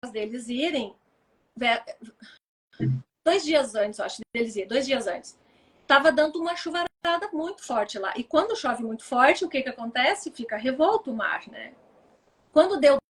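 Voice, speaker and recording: A woman's voice: high voice, normal speed. A woman, a therapist chatting casually on a live stream and acting out the lines of the people in her stories. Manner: animated storytelling, acts out quoted dialogue. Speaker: therapist and mentor.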